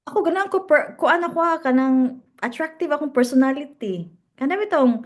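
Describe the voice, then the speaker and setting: An animated, high-pitched woman from Cebu, Philippines, talks briskly as co-host of a casual podcast chat. With her Cebuano accent, she switches between English and Cebuano and laughs frequently.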